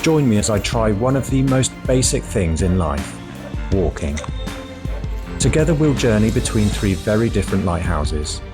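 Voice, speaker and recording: Low-voiced man, calm reflective walking-vlog narrator, relaxed and unhurried, faint music underneath. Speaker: walking vlogger. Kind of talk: calm documentary narration and on-the-trail vlogging. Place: outdoors on a countryside walk, partly voice-over.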